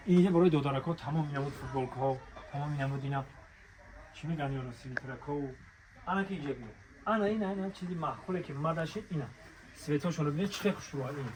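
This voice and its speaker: Walking through a big clothing store, a Tajik-accented promoter calls out deals like a bazaar merchant, improvising and repeating his invitations to come over, take a look and buy. His voice is on the high side and a little mellow, and the rough audio is crowded with the noise of busy shoppers.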